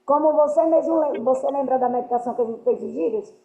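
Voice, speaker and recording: Earnest high-voiced woman teaching. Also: quick pace, dark tone. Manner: earnest, keeps checking understanding. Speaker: spiritual teacher. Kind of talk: spiritual teaching to a group. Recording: roomy, dull lo-fi sound.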